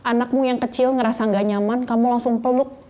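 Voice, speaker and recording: A woman's voice: fairly high pitch, steady tone, quick pace, warm tone. A woman in her thirties telling a personal faith story in an interview, earnest, now and then slipping into English phrases. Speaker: guest sharing a faith testimony. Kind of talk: conversational interview testimony.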